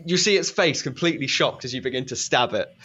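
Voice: medium pitch, fast, bright, forceful tone, lo-fi sound. A game master narrating a tabletop game, who often stumbles and repeats words mid-sentence.

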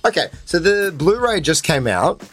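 A man's voice: a little high, very animated, normal speed, fairly bright tone, husky. A man co-hosting a podcast, chatting casually with lots of laughter, swearing and mocking asides. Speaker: podcast co-host. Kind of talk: casual chat.

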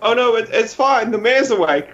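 A man voicing a small swashbuckling male mouse who fumbles a fib with a fast, innocent manner. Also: extremely high pitch, expressive, a bit bright, muffled recording, pitched above the performer's own voice. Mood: fake innocent.

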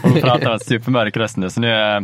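A man's voice: medium pitch, fairly even intonation, fairly bright tone, no echo, studio quality. A man co-hosting a podcast, rambling in casual chat about video games with many fillers and some swearing. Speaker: podcast co-host.

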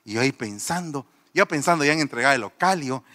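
A man's voice: mid-range voice, expressive, quick pace, sharp tone, big-room sound. A man, a pastor, giving a testimony sermon, telling the story with animation and acting out the people in it.

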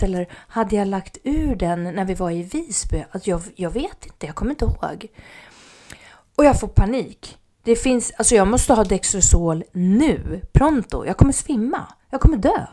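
Woman telling a lively personal story. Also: fairly high pitch. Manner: animated, acts out quoted speech, drops to near-whispers. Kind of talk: casual spoken anecdote.

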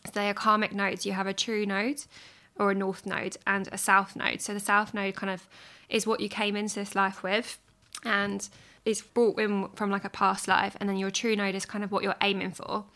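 A woman hosting a podcast, reading an astrology chart in a measured, explanatory way. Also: medium pitch, level tone, sharp tone.

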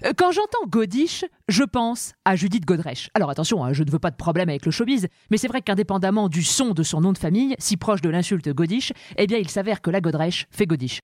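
A woman hosting a comic monologue about the origins of insults, talking in a lively, playful, self-mocking way. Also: on the low side, fairly quick, few pauses, dry recording, clean studio sound. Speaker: host.

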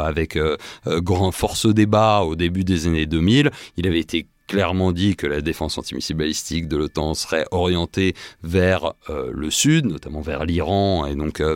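A man's voice: sits low, dry recording. A man talking as a guest researcher in an interview, explaining at length with frequent filler hesitations. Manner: halting, many filler hesitations. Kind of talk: expert analysis in a podcast interview.

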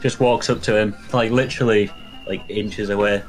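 A man's voice: on the low side, steady tone, moderate pace, faint music behind, poor audio. A man improvising narration as game master of a tabletop role-playing game.

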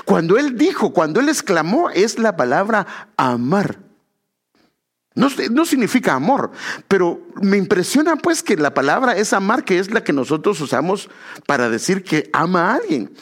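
A Guatemalan man with a Guatemalan Spanish accent preaches an animated sermon, addressing his listeners as brother and correcting himself along the way. His voice sits high and he speaks at a normal speed.

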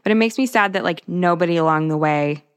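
A woman's voice: on the low side, fast, clean tone. Woman, podcast co-host, casual chat, reactive, filler-heavy. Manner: reactive, conversational, many fillers.

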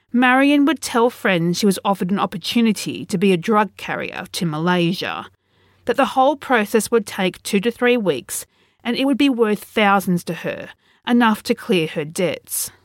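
Woman narrating true crime, measured and suspenseful. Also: mid-range voice, lively intonation, no room sound, clean studio sound. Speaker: podcast host and narrator.

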